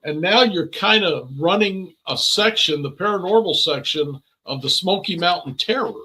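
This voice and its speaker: A man with a notably high-pitched, bright and forceful voice hosts a casual interview. He talks in an informal, chatty way, introducing and questioning his guest conversationally. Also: lively intonation, moderate pace, slight background noise, rough recording. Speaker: interview host.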